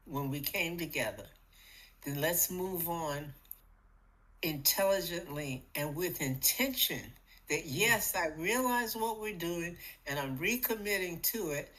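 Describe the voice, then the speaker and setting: A middle-aged woman hosts a spiritual podcast in a relaxed, chatty tone. Her voice sits a little low, and she keeps it animated, slipping into playful little voices and laughing now and then. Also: poor audio. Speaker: podcast host. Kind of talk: casual spiritual talk.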